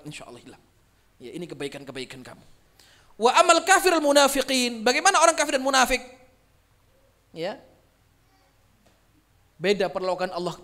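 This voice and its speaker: A man preaching a Quran commentary lecture to a gathered audience, reciting verses slowly and then explaining them, switching between loud emphatic lines and soft low asides. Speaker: Islamic preacher.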